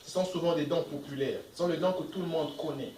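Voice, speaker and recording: A man's voice: a little high, quick pace, a little mellow, reverberant, distant mic, a little hiss or hum, poor audio. A man preaching a sermon as pastor, emphatic, asking the congregation questions and reading verses aloud. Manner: reads scripture verses aloud between comments. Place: church.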